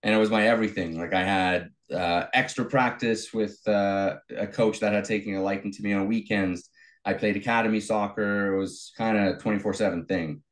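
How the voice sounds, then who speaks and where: A young man with a lowish voice, from South Africa, talking as a guest in a casual interview. He tells his story easily, pausing on fillers as he goes. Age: young adult. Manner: relaxed storytelling with many fillers. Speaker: guest, bodybuilder and coach.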